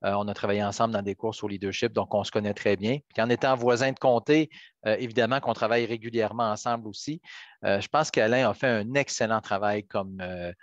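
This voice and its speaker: A middle-aged man from Quebec with a Quebec French accent, answering interview questions as a politician in measured, hesitant phrasing. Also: on the low side, no room sound. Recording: dull, lo-fi band-limited sound.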